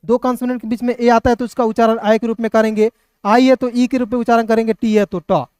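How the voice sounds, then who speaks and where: Patient, smooth-voiced male teacher. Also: very high-pitched, flat delivery, fast talker, darkish tone, no echo, studio quality. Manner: patient, repeats questions and answers to viewers. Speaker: English teacher. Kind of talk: online phonics lesson.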